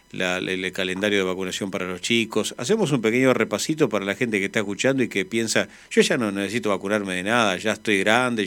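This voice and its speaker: A man with an Argentine Spanish accent, a radio host asking questions in a relaxed, chatty way. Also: on the low side, clear, resonant tone. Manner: conversational, informal.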